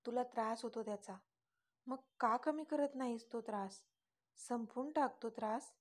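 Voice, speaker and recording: A confident young lover who teases and corners the girl with pointed questions, smirking as he talks, read by a woman storyteller. The voice sits a little high, kept close to her own reading voice. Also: moderate pace, close to an everyday voice. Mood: tender. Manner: teasing, smirking, pressing questions. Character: teasing confident young man in love.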